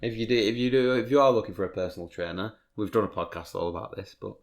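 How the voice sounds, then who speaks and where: A man's voice: on the low side, steady tone, fast, crowd noise. A man hosting a casual podcast chat, swearing and laughing through banter. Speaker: podcast host.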